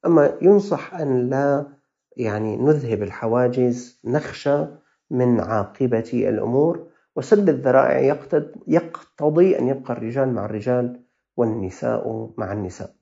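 A man's voice: mid-range voice, animated, moderate pace, vocal fry, dark tone, muffled recording. A man with a Levantine Arabic accent, a religious scholar answering listeners' questions with earnest, fatherly advice.

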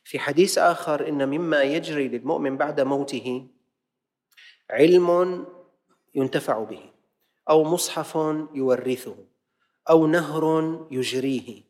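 A man preaching to a congregation in a mosque. He slips from quick colloquial speech into slow, drawn-out classical quotations and acts out the questions of worshippers. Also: a little high, darkish tone. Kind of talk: lesson-sermon to a congregation. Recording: long hall reverb.

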